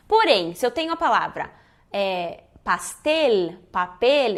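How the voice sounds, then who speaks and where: A woman, teaching a casual pronunciation lesson and modeling sounds as she goes. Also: high-pitched. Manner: lively, demonstrates sounds, says "né?" often. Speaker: Spanish teacher.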